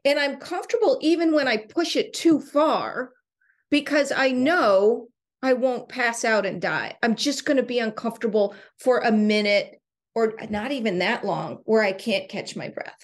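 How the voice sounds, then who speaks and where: Brief: woman podcast co-host, slightly high voice, chatty storyteller, laughs easily. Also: moderate pace. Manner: storytelling, animated, laughs often. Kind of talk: casual podcast chat.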